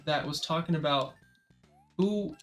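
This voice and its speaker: A man with a slightly raised pitch talks loosely in a podcast chat, wandering through a list as he reads it. Faint music sits low in the background. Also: a little slow, fairly bright tone. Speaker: podcast co-host. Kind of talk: casual chat.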